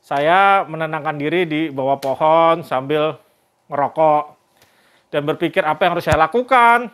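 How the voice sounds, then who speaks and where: A man's voice: a little high, moderate pace, fairly bright tone, clean tone. A man vlogger telling a story in a casual, chatty way and addressing his viewers directly. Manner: religious greetings and expressions.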